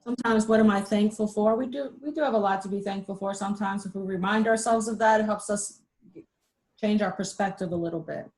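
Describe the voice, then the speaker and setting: A middle-aged woman giving a casual, chatty webinar presentation over a video call, animated and self-deprecating. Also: medium pitch, fairly quick.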